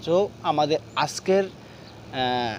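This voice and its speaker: A man teaching English pronunciation, drilling example words over and over in a steady repeated rhythm. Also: a little high, slow pace, muffled recording, slight background noise. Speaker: English teacher and course founder. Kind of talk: spoken English pronunciation lesson.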